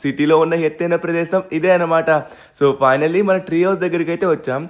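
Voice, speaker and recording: A man voicing a hard-working young hero who narrates to viewers and flares up fast, in a game role-play dub. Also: fairly high pitch, steady tone, natural voice. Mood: calm. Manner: talks straight to viewers, quick to anger. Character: hard-working young man defending his tree house. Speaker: main character and narrator.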